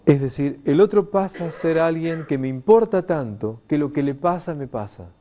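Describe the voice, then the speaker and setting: Middle-aged guy lecturing a crowd, dark mellow tone, gets animated and acts out the quotes. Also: fairly high pitch, normal speed, a little hiss or hum. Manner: warm, emphatic, animated teaching delivery with quoted voices. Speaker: lecturer on consciousness. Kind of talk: spoken lecture to an audience.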